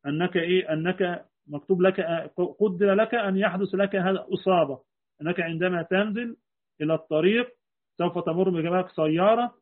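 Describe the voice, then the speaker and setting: A man with an Egyptian Arabic accent teaching a creed lesson as a religious teacher, explaining with rhetorical questions. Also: high voice. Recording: tinny phone-like lo-fi recording.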